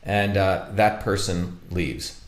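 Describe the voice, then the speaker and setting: Lower-voiced man, halting lecture, roomy echo. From India. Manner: halting, many fillers and restarts. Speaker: speaker presenting a talk. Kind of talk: informal lecture with storytelling.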